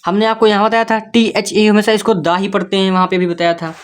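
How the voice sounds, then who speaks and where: A man gives a beginner's reading lesson, building each word slowly from its letters. His talk is patient and repetitive, with frequent check-ins with the learner. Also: high voice, flat delivery, clear, resonant tone. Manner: patient, spells words letter by letter, keeps checking in with the listener. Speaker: English reading teacher. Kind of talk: step-by-step spoken lesson.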